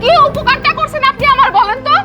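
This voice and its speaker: An actress playing a cruel, arrogant daughter-in-law who speaks with scorn, in a TV drama. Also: female voice, very high voice, quick pace, loud music behind the voice. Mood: scornful. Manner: scornful, bossy. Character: cruel, arrogant young wife, spiteful. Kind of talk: TV drama acting.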